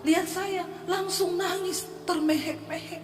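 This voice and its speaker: A woman pastor delivers a lively sermon in a high voice, rising to loud exhortation and dropping to soft storytelling. The sound is roomy and distant, as if caught from far across a large church hall. Soft music plays faintly behind her. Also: normal speed.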